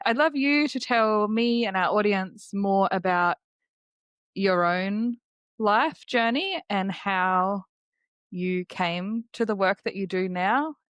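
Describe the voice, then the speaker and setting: A woman speaks as a podcast host. Her voice sits at an average pitch, recorded dry with almost no room sound. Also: slow pace, fairly bright tone, clear, resonant tone, dry recording. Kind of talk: podcast hosting, introduction and casual chat.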